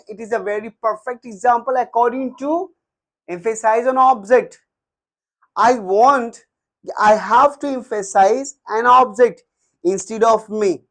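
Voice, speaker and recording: A man's voice: high-pitched, fairly bright tone. A man with an Indian English accent teaching a grammar lesson, repeating words and dictating examples one at a time.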